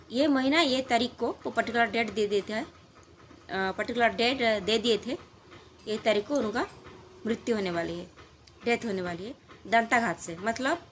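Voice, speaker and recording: A woman's voice: on the high side, slight background noise. A woman telling a true family story in a casual, rambling way, with many fillers and restarts.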